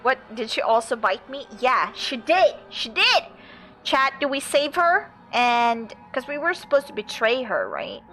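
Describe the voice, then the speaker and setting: A woman livestreamer giving casual, expressive game commentary and swearing freely. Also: sits high, unhurried. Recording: game music behind the voice.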